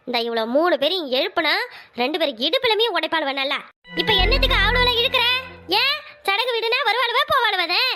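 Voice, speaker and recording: A woman's voice: very high-pitched, bright, forceful tone. A woman voicing a bossy, scolding mother in a village cartoon comedy, nagging sharply.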